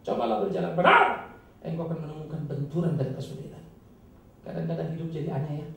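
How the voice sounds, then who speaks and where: A male pastor giving an emphatic, dramatic sermon with sudden loud, high bursts, recorded from a distance in a church hall. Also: quick pace. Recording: echoey hall, distant mic, faint noise.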